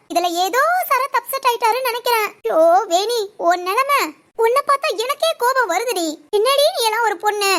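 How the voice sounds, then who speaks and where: A woman's voice: very high-pitched, fairly bright tone. A woman voicing an anxious young wife and teacher who frets to herself and pleads with her policeman husband in an audio drama. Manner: fretful self-talk, coaxing and pleading.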